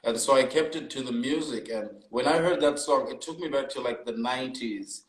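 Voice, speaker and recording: A man's voice: mid-range voice, a little fast, roomy sound, low-quality recording. A South African man, a hip hop artist, talking thoughtfully in a casual interview over a video call. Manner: reflective, thoughtful, many fillers. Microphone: laptop or phone on a video call.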